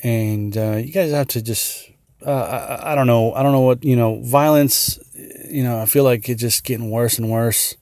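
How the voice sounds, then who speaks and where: A man's voice: medium pitch, fairly even intonation, moderate pace, darkish tone, dry recording, studio quality. A man hosting a casual solo talk show, rambling with many fillers and restarts and growing earnest as he talks. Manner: earnest, gets worked up. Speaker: podcast host.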